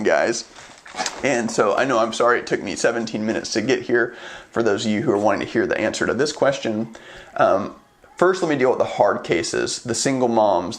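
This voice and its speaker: Earnest man giving casual parenting advice. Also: mid-range voice. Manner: earnest, conversational, frequent ums and rhetorical "right?". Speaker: unschooling advocate vlogger. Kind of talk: casual advice talk to camera.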